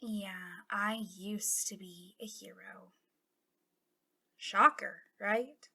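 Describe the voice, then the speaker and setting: Here a woman voices a fallen heroine turned bitter, taunting villain for ASMR roleplay, speaking breathily, slipping into whispers, and drawling in a mocking, conspiratorial way. Her mid-range voice holds a steady tone as she stretches out words, sharp and exaggerated, sounding dismissive.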